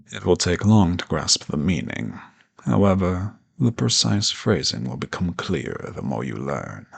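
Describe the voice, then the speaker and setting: Audio roleplay: male dragon professor, man acting, ancient and condescending, deep gravelly growl, pompous formal diction. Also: full character voice. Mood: haughty, coaxing. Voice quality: gravelly, husky low voice. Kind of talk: scripted audio roleplay monologue addressed to the listener.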